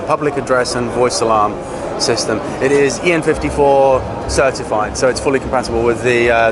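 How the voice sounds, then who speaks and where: A man with a medium-pitched voice presents technical equipment as a company representative. His delivery is informal and halting, with pauses as he explains. He is recorded amid very loud trade show floor noise.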